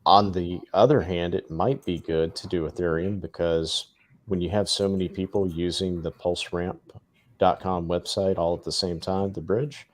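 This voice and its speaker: A man on a casual livestream, talking in a halting, hedging way with many fillers. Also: deep voice, steady tone.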